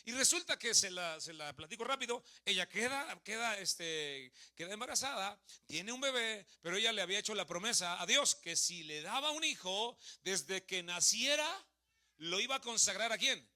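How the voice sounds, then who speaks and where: A man's voice: high-pitched, moderate pace. A Mexican man in his thirties preaching a sermon in a church hall, asking the congregation questions and joking with them. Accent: Mexican Spanish. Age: 30s. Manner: lively, asks the congregation questions and jokes with them.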